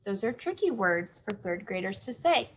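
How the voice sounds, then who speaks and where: A woman teaching third graders in an online lesson, speaking slowly and clearly and repeating key words for the children. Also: mid-range voice, very animated. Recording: dull lo-fi audio.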